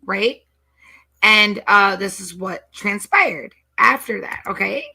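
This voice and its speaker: A woman's voice: medium pitch, slow, vocal fry, sharp tone, breathy edge, rough recording. A woman in a played stream clip who explains what happened in a rambling way, full of fillers. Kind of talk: casual streamed commentary.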